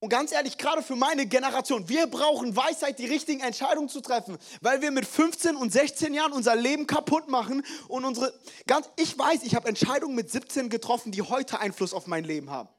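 A young man preaching a sermon as pastor, lively and joking, slipping in English phrases. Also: very high voice, a little fast.

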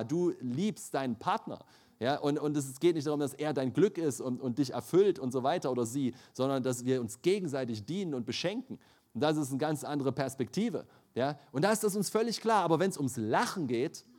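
A middle-aged man preaching a sermon, telling personal stories with lots of laughter and acting out quotes. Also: medium pitch. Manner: animated storytelling, laughs often, acts out quotes.

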